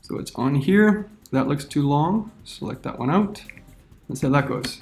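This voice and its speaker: Man talking through a software tutorial. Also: a little high, animated, normal speed, creaky, soft background music. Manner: talks through each step while clicking. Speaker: teacher. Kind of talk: screen-recorded software tutorial.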